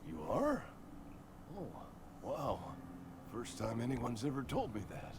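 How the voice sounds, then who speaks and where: A grumpy, sickly old man from a video game. His pitch swings widely as he frets and complains melodramatically, with clear noise behind him. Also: sing-song, slow. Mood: pleading. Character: grumpy, fretful sickly old man, fearful and self-pitying. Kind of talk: video game character dialogue.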